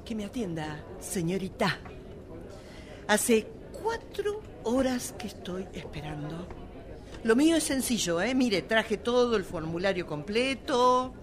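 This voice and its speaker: Crowd noise surrounds a woman acting as a fiery, impulsive Argentine woman in an amateur radio play, who falters while excusing her rages and repeats words when flustered. She sounds indignant and wound up, her medium-pitched voice sing-song.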